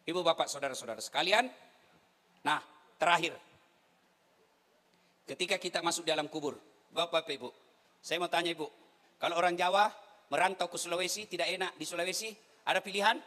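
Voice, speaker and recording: A middle-aged man preaching a sermon to a congregation, swinging between soft pleading and loud exclamations. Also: on the high side, brisk, long pauses. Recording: echoey hall.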